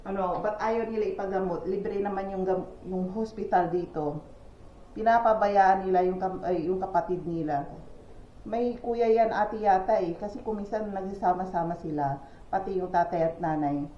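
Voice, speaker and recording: A Filipina woman talks casually to her viewers, storytelling in a chatty, gossipy way and dropping lots of exclamations. Her voice sits at a middling pitch for a woman. The recording is roomy and echoey, a bit dull and lo-fi, with faint ambience behind her. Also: normal speed, slight background noise. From Philippines. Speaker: vlogger.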